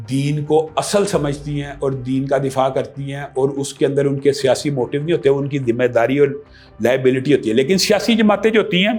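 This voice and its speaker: A man from Pakistan, a religious scholar answering interview questions emphatically and often asking rhetorical questions. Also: fairly high pitch.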